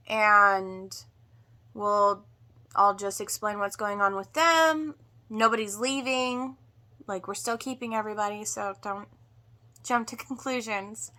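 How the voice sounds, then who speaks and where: A woman giving a casual homestead update to viewers in a halting way, sounding drained and emotional after surgery. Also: fairly high pitch, pushed and bright. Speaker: homestead vlogger.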